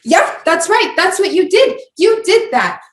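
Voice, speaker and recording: A woman's voice: very high voice, very animated, unhurried, pitched above the performer's own voice, heavily acted. A woman playing a sarcastic ranting vlogger. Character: chatty young woman video blogger ranting. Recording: roomy, distant mic.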